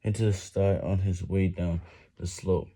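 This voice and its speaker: A man reads a story aloud in the middle of push-ups, in a low, very dark voice. The delivery is slow and effortful, with sighs, halting phrases and repeated words. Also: flat delivery, creaky. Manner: strained reading while doing push-ups, breaking off and repeating words. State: exerting himself, sighing between phrases. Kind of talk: reading a novel aloud.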